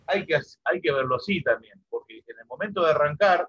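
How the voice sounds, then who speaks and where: A man's voice: on the high side, animated, fairly quick, fairly bright tone, husky, highs cut off. A middle-aged Argentine man, a musician and music teacher from Santa Fe, talking casually in an interview over a video call. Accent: Argentine Spanish (rioplatense voseo).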